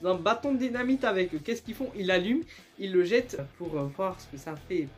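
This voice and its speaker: A young man retelling absurd stories in a casual, joking, slangy way, laughing often and breaking into loud squeals of outrage. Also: high-pitched, lively intonation, fast. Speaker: YouTuber. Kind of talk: casual comedic storytelling and reading aloud.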